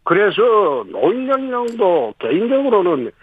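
A man with a high, husky voice explains policy step by step, pausing on "uh" as he lays out each point. He comes through a tinny phone line with a dry, close sound. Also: big pitch swings. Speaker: city government official interviewed. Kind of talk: explanatory radio interview answers.

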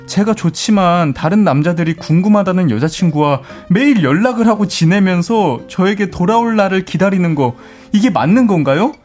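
A man co-hosting a radio show who chats casually and reads out listener stories, animated and self-deprecating. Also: sits high, fairly quick, hardly any pauses, faint music behind. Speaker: radio co-host. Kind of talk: casual talk and story reading.

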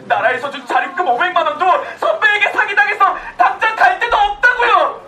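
A stubborn teenage orphan , played by a young male actor, pleads earnestly in a high, bright, animated voice. He sounds set back from the mic. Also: fairly quick, reverberant, recorded from a distance, slight background noise, heavily acted, rough recording. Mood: pleading. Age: young adult. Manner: earnest, pleading, raising his voice. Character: 19-year-old orphan student, stubborn and pleading.

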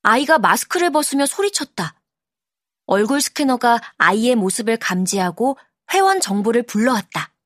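Woman narrator, audiobook, calm measured reading, slightly high voice, dry close studio sound. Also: dry recording. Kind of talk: scripted narration.

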